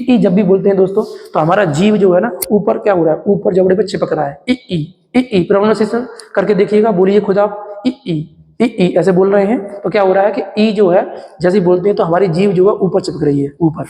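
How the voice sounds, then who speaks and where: A man with a high but warm, dark-toned voice teaches an exam-prep grammar lesson from a diagram. He repeats every term by asking his students and answering himself, calling them friends. His voice rings in a reverberant room. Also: quick pace. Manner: addresses viewers as friends, explains with a diagram. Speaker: Hindi teacher.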